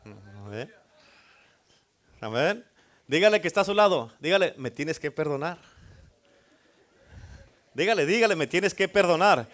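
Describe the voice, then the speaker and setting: A male pastor with a notably high-pitched voice. He preaches in a call-and-response style, repeating phrases and pausing for the congregation's amens. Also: animated, fairly bright tone. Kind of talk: sermon.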